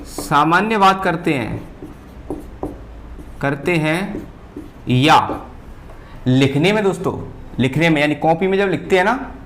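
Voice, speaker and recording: A male teacher giving a whiteboard grammar lesson, pausing and repeating words as he writes. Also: on the high side, lively intonation, a bit bright, a little hiss or hum. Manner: slow, repeats words while writing, often says "ठीक है".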